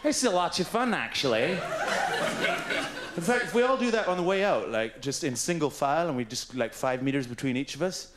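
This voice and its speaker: A male stand-up comedian doing an absurd, rambling set on a club stage, swinging between squeaky highs and mumbled lows. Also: animated, brisk, very noisy. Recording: roomy club, loud audience laughter.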